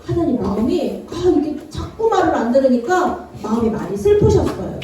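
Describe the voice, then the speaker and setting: Animated woman preaching to children, echoey church. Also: high voice, fairly quick. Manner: animated, playful, acts out characters and asks the children questions. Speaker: children's Sunday school preacher. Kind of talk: lively children's sermon with acted Bible voices. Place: church worship room. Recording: roomy echo, distant from mic, faint ambience.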